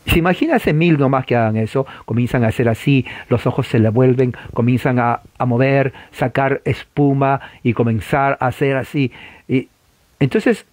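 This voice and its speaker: A man teaching church history in an informal lecture, animated and conversational, with frequent rhetorical asides to the listener. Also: medium pitch, normal speed, no echo.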